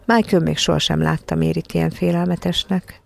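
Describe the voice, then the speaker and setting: A narrator reading a children's storybook aloud in an even, measured way. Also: mid-range voice, gravelly, dry recording. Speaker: audiobook narrator.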